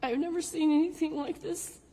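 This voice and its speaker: A middle-aged woman with a somewhat high voice testifies at a public hearing, earnest and deferential. The sound is a courtroom-style hearing recording with a long, roomy reverb. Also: fairly even intonation, a little fast, dark tone. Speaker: witness giving public testimony.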